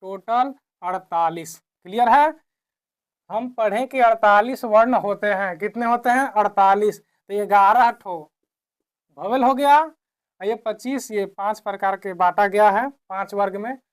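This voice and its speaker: A woman teaching a classroom lesson, who keeps asking her own questions and answering them, repeating each point slowly. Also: medium pitch, clear, resonant tone. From India.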